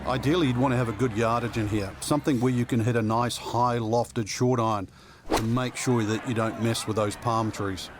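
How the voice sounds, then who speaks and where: A man's voice: mid-range voice, steady tone, moderate pace, noisy background, natural voice. A man working as an easygoing golf commentator, explaining shots conversationally as the expert analyst in a video game. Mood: analytical. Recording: music and outdoor crowd behind. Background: music, crowd outdoors.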